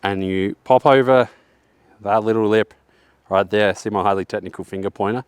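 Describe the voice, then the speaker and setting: A man's voice: on the low side, steady tone, normal speed, clean tone, no echo, clean studio sound. A young man walking a downhill bike track outdoors, giving slangy, joking commentary while a bit out of breath. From Australia. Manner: laid-back, slangy, joking. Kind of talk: casual track walk commentary. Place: outdoors on a forest hillside.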